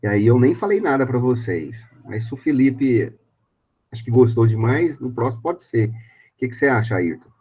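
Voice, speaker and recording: Give me a Brazilian Portuguese man teaching online, halting and full of fillers, his voice on a breaking-up, choppy call line. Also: mid-range voice, very animated, darkish tone, husky, muffled recording. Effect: choppy breaking-up call audio. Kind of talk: online class talk. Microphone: home computer on a video call.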